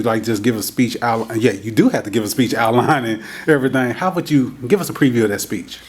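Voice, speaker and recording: A man, a newspaper editor casually interviewing high school students. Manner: friendly, uses y'all, chuckles between questions.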